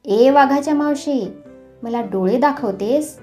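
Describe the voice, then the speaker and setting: A woman's voice: sits high, measured pace, warm tone, faint music behind. A woman voicing a small, brave, cheeky male mouse in a storybook tale, teasing and mocking in a raised voice. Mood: taunting.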